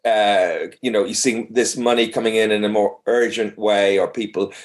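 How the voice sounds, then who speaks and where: A man interviewing someone conversationally, feeling his way through long questions with halting rephrasing. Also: lowish voice, steady tone.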